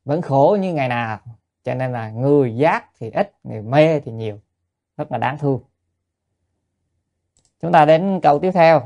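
A male Buddhist teacher delivers a dharma talk woven with a story. His voice has a gravelly, creaky texture at a middling pitch. He keeps turning to listeners with rhetorical questions. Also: lively intonation, moderate pace, long pauses, a little mellow, highs cut off.

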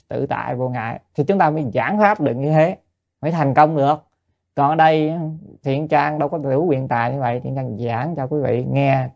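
A male Buddhist teacher delivers a dharma talk woven with a story. His voice has a gravelly, creaky texture at a middling pitch. He keeps turning to listeners with rhetorical questions. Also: darkish tone.

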